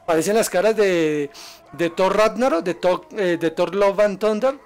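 A man streaming a game live, chatting with viewers and yelping in excitement at enemies. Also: high-pitched, unhurried. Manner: excitable, yelps and laughs at danger, chats with viewers. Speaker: gaming streamer. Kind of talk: live gameplay commentary.

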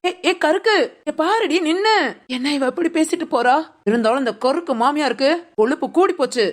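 A woman's voice: high-pitched, expressive, a little fast. A woman voicing a feisty, loyal village friend in a cartoon, speaking in an indignant, protective way. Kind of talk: cartoon voice acting.

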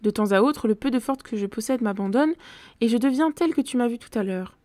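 A woman's voice: fairly high pitch, brisk, warm tone, no room sound, lightly acted. A woman reading as a languid vampire girl. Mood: weary. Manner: languid, murmuring.

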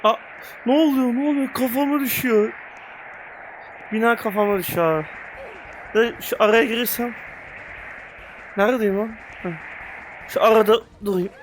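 A young man giving casual, excitable commentary on a VR game, slangy, with loud outbursts, sometimes speaking English. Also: very high voice, moderate pace, long pauses, slight background noise. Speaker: gaming youtuber.

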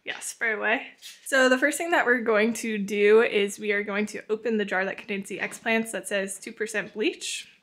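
A woman's voice: mid-range voice, fairly even intonation, moderate pace, fairly bright tone. A young woman hosting a how-to video, giving friendly, patient step-by-step instructions with small laughs. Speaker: channel host teaching plant tissue culture. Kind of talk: casual instructional voice-over and live coaching.

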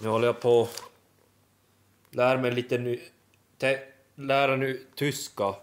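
A young man vlogging casually, halting and restarting often as he tries out new words. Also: medium pitch, flat delivery. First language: Swedish and Finnish. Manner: halting, full of restarts and fillers, sounding out foreign words. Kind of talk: casual vlog.

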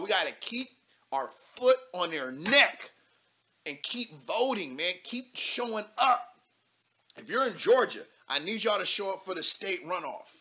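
A man in his thirties hosting a live political call-in show from a studio desk, talking loud and animated with casual slang and cursing. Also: high voice. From United States. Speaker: talk show host.

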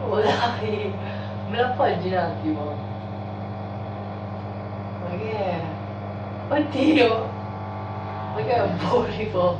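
A man's voice: high-pitched, takes it slowly, pauses often, noisy background. A teenage boy, chatting in exclamations with whiny, dramatic complaints, recorded across a table in a kitchen. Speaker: blindfolded challenge contestant. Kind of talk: casual exclamatory chat. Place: small home kitchen, indoors. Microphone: camera mic across a table. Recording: echoey, distant room mic, music behind.

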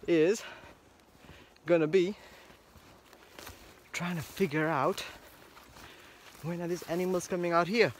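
A man's voice: sits high, steady tone, slow, long pauses, slight background noise. A man vlogging casually as he walks outdoors on a snowy rural property, thinking aloud with lots of fillers. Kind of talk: casual walk-and-talk vlog. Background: faint outdoor rural ambience.

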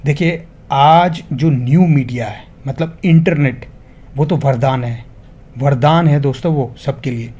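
A man's voice: mid-range voice, unhurried, a little mellow, husky. A man giving an earnest, motivational spoken lesson, calling viewers his friends and slipping English phrases into his talk. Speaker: English teacher.

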